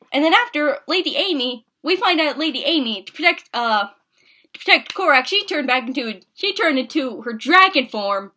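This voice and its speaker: A woman's voice: high voice, bright, forceful tone. A woman giving a casual, rambling episode recap, swearing and emotional, with many restarts. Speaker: podcast recap reviewer.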